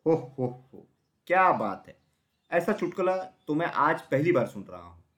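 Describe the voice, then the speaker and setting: A man's voice: mid-range voice, very animated, moderate pace, natural voice. A man voicing a huge, arrogant male elephant in a children's story, proud and mocking. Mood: mocking laughter.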